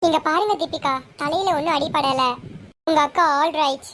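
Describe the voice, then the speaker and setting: Woman playing a reassuring nurse, slow soothing delivery, very high pitch. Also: a bit bright, a little hiss or hum.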